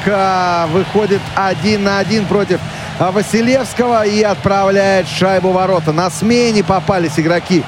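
A middle-aged man giving live, descriptive hockey play-by-play in a halting way, with drawn-out hesitations. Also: high-pitched, background noise. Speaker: hockey commentator. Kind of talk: live audio-described match commentary.

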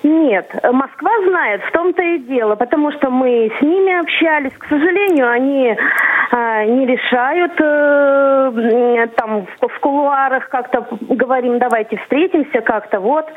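A woman calling into a radio show over a phone line, handset held away from her mouth, talking haltingly with fillers. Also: high-pitched. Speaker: radio call-in caller. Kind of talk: phone-in talk. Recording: narrow tinny phone line.

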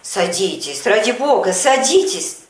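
A woman voicing a smug grown man who coaxes and patronizes, lowering her voice for him. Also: very animated, unhurried. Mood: coaxing. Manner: patronizing, coaxing. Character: smug adult man playing doctor. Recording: echoey room with music behind.

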